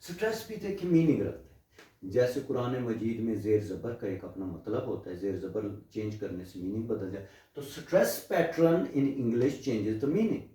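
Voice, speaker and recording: A man's voice: on the low side, expressive, unhurried, warm tone. A man giving a classroom lecture on linguistics. He explains step by step, asks rhetorical questions and slips into English phrases. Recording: very echoey room, mic far off.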